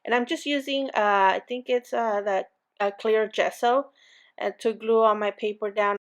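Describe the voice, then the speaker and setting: In a casual crafting tutorial, a host with a non-native English accent chats and rambles with lots of fillers and restarts. Her fairly high voice stays steady at a normal pace.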